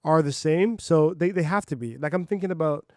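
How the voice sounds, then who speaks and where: A man's voice: on the high side, fairly quick, darkish tone, dry recording, clean studio sound. A man co-hosting a casual chat, emphatic and opinionated, a parent of a young child. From Canada. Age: adult parent of a young child. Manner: opinionated, emphatic, spells words out. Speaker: podcast co-host.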